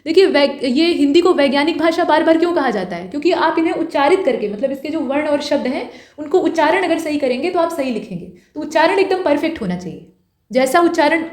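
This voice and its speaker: A woman teaching a grammar lesson for exam preparation, explaining step by step and repeating key points. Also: high-pitched.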